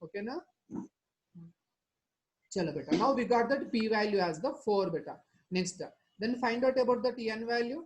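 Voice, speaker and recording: A male teacher with a Telugu Indian accent and Telugu as his first language speaks very quickly in a high register for a man. He explains step by step in an interactive lesson, repeating himself and often checking with short tag questions. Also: lively intonation, a little hiss or hum, rough recording. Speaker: chemistry teacher.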